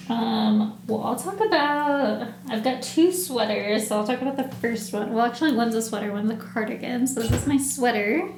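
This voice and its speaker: A woman's voice: a little high, moderate pace. A woman co-hosting a podcast in a chatty, rambling casual chat. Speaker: podcast co-host. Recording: echoey room.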